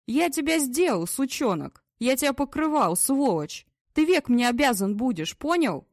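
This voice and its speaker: A woman's voice: sits high, sing-song, moderate pace, darkish tone, dry recording, clean studio sound. A woman reading an audiobook, voicing a drunk, crude, bullying male police general who slurs and swears. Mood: drunk angry. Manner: slurred, coarse, swearing.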